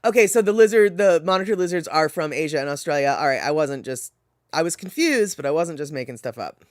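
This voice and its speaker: Reading through viewer chat, this American streamer talks a little fast in an animated, mid-range voice. The casual talk rambles, with self-corrections and laughter at their own jokes. The recording is dry and clean, studio-grade.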